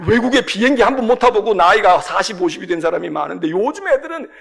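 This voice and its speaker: A male senior pastor giving a sermon in an animated way, full of rhetorical questions and acted-out dialogue. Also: sits high, fast talker, gravelly.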